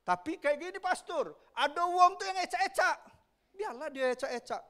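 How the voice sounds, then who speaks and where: High-voiced animated pastor preaching. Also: male voice, normal speed. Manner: animated, asks the congregation questions, acts out quoted voices. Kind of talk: sermon.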